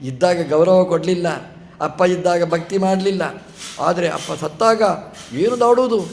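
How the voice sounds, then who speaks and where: A man delivers a storytelling sermon in a high, light voice. He recounts a scripture tale, stopping to ask the listeners rhetorical questions and briefly voicing the characters' words. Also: measured pace, gravelly, a little hiss or hum. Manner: narrates a scripture story, acts out short dialogue and asks rhetorical questions. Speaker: religious teacher giving a discourse.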